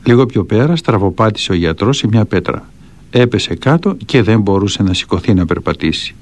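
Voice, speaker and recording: A man's voice: on the low side, expressive, darkish tone. A man reading spiritual anecdotes and counsel aloud, with a storytelling delivery. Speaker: reader of a monk's teachings.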